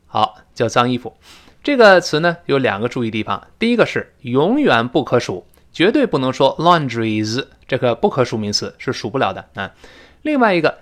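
A middle-aged man teaching English vocabulary in a recorded lesson, slowly drilling phrases and spelling words letter by letter. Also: medium pitch. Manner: drills phrases slowly, repeating them for the listener.

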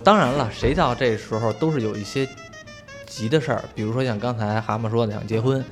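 A man's voice: medium pitch, fairly quick, faint music behind. A man telling a story in casual chat, swearing freely and laughing along.

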